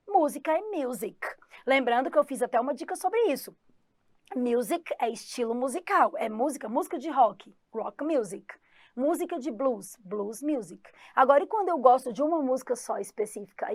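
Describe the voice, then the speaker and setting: A woman's voice: on the high side, dry recording, clean studio sound. A woman from Goiás, Brazil, with a Goiás accent, giving a chatty online English exam-prep class and talking straight to her students. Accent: Goiás Brazilian Portuguese. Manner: lively, chatty, talks to students directly. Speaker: English teacher.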